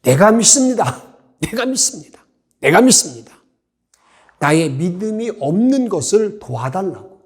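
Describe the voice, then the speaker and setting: A man's voice: high-pitched, very animated, moderate pace, long pauses, voice pushed up. A man acting out a desperate father who humbly begs for help for his sick son. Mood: pleading. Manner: humble, begging.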